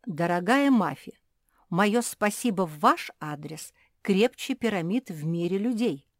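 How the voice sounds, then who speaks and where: Formal, gallant male pug, voiced by a woman, slow and measured. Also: medium pitch, lively intonation, no echo, clean studio sound, natural voice. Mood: grateful. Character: courtly, learned male pug dog.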